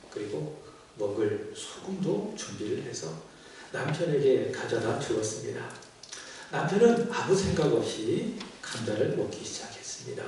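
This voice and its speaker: A man's voice: mid-range voice, a little mellow, slight background noise. A male pastor preaching a sermon, telling a story and addressing the congregation directly. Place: church sanctuary. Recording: echoey church from a distance.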